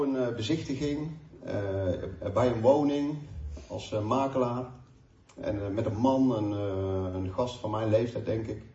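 A man's voice: mid-range voice, dark tone. A man in his forties preaching a sermon, earnest, retelling conversations with frequent hesitations. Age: 40s. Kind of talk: sermon with personal stories. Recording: distant, dull, echoey room.

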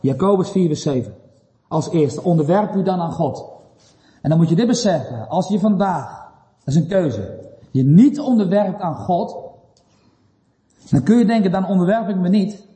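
A man's voice: high-pitched, animated, normal speed, warm tone. A man preaching a sermon with earnest, building intensity and many rhetorical questions. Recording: roomy hall with long reverb.

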